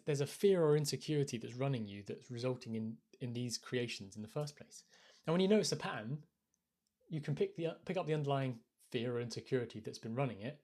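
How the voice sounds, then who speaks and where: A man's voice: medium pitch, a little mellow. A British man from the UK, a life coach talking casually on a phone live stream, thoughtful and hesitant, often restarting his phrases. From United Kingdom.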